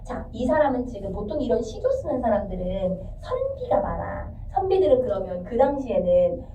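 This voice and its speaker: A somewhat high-voiced woman teaching a lively classroom lecture, singing out verse and throwing questions at her students. She is recorded from a distance in an echoey room, and the sound is slightly dull with faint background noise. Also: moderate pace. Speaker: Korean literature teacher.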